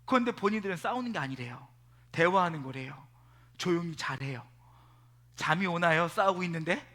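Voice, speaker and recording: A male pastor preaching a sermon at a church service, telling stories in an animated way and swinging between loud and hushed delivery. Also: a little high, fairly quick. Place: church sanctuary.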